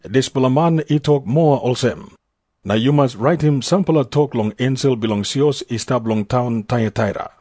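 A man with a Papua New Guinean accent reads scripture from a script. His voice is husky and mellow. The recording is dry and close, with no room sound. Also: mid-range voice, moderate pace, dry recording.

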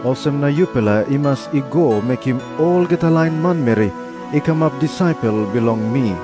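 An actor playing a calm, commanding male holy teacher in a scripture drama, in Papua New Guinea pidgin with a Papua New Guinean accent. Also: mid-range voice, normal speed, natural voice. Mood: solemn, commanding. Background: music behind the voice.

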